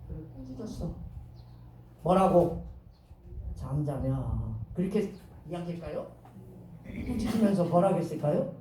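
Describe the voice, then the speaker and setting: A male pastor with a Chungcheong accent preaching a sermon in a church, acting out shouted lines and questioning the congregation. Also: sits high, animated, moderate pace, long pauses, slight background noise. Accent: Chungcheong Korean. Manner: dramatic, acts out shouted quotes, asks the congregation questions. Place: church sanctuary. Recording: very echoey church from a distant mic.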